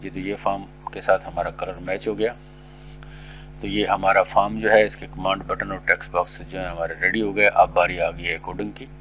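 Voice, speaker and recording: Middle-aged man, very low voice, step-by-step coding tutorial, steady polite explaining, faint hum behind. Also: moderate pace, low-quality recording. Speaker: tutorial instructor. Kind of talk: screen-recorded coding tutorial.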